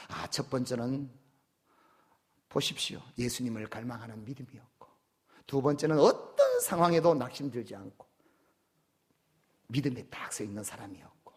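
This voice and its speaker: A man's voice: medium pitch, a little mellow. A man pastor preaching a sermon in an emphatic way, often putting questions to his congregation.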